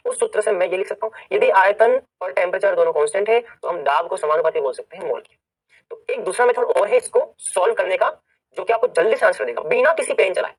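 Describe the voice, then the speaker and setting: A man's voice: sits high, distant mic, low-quality recording. A man teaching a chemistry lesson who speaks, mixing English science terms into his talk, repeating key points and often checking that students are following. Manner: says words one by one slowly to stress a rule. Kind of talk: classroom lecture to students.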